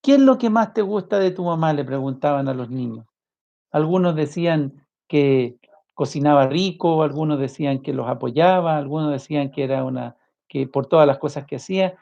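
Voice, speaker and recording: A man preaching a sermon with passion, firing off rhetorical questions and swinging his voice high and low. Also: moderate pace, gravelly. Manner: impassioned, rhetorical questions, big swings in pitch and loudness. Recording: muffled lo-fi recording.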